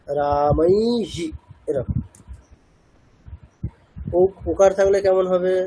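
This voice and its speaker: A man's voice: high-pitched, fairly quick, mellow, slightly rough, poor audio. A man teaching chanting pronunciation in a patient class lesson, asking questions and answering them himself. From India. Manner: patient, asks and answers his own questions.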